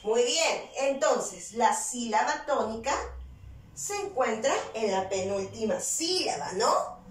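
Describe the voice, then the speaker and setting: A woman teacher giving a virtual class. She explains slowly and deliberately, asking questions and then answering them herself. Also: a little high, expressive, far from the mic. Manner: slow, deliberate explaining with stressed key words. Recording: roomy echo, voice set back from the mic.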